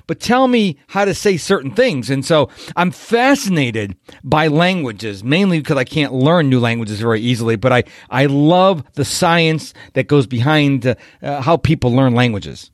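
Animated, upbeat podcast host. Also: male voice, mid-range voice, moderate pace, hardly any pauses, no room sound, studio quality. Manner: energetic, animated, enthusiastic delivery.

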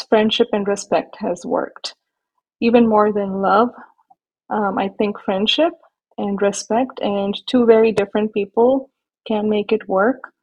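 A woman from India and Nigeria, talking thoughtfully as an interview guest with many small pauses and restarts. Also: mid-range voice, darkish tone, low-quality recording. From born in India, raised in Nigeria. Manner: thoughtful, measured, with frequent fillers and restarts. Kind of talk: interview conversation.

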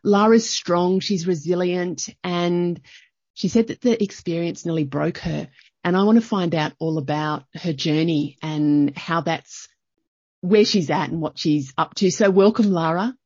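A woman's voice: lowish voice, a little slow, a little mellow, no echo, highs cut off. A woman, hosting a podcast in an enthusiastic, bubbly chat. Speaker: podcast host. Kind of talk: casual interview chat.

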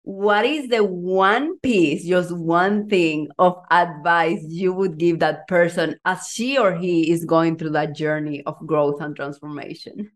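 A woman's voice: lowish voice, takes it slowly, few pauses. A woman hosting a podcast interview, an emotional and effusive talker who leans on "like" and shares her own coaching story. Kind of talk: casual interview chat.

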